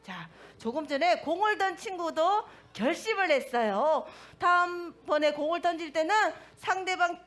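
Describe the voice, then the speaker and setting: Woman, children's pastor, toddler sermon, high voice, very lively pitch, asks questions. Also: moderate pace.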